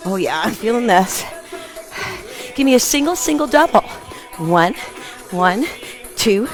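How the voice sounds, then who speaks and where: A middle-aged woman aerobics instructor calling out short, punchy, encouraging workout cues as she exercises. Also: mid-range voice. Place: open living room at home, indoors. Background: music.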